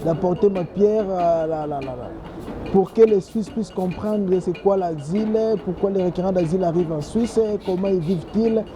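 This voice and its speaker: A man's voice: high voice, normal speed, over music. A man who worked as a political journalist gives an earnest interview testimony outdoors, repeating words as he searches for them. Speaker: political journalist, asylum seeker. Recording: clear street noise outdoors.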